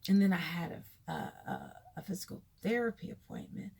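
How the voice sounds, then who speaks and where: Tired woman vlogger with a creaky voice. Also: lowish voice, lively intonation, fairly quick, mellow. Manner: conversational, candid storytelling with emphatic repetition. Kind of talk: casual vlog chat, rambling about her day.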